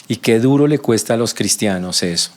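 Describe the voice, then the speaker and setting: A man preaching a sermon as a pastor, animated, acting out quoted prayers in a raised voice and dropping soft and low for humble ones. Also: brisk.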